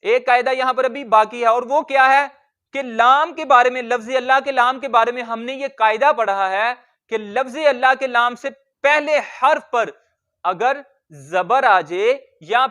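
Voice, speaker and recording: A man teaching Quran reading in a word-by-word tajweed lesson, patiently explaining rules and slowly sounding out letters and words. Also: extremely high pitch, bright, forceful tone, clear, resonant tone.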